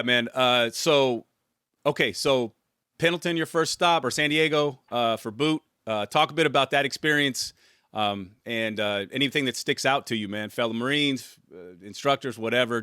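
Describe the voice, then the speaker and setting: A man's voice: mid-range voice, sharp tone, clear, resonant tone, no echo, clean studio sound. A man hosting a podcast interview, speaking casually and calling his guest brother and man. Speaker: podcast host.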